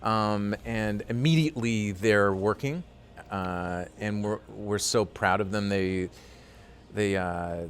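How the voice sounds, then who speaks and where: A man's voice: on the low side, slow pace, a little hiss or hum. A middle-aged man, a voiceover artist and teacher, talking as a guest in an earnest, enthusiastic way and often repeating himself. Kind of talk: casual interview talk.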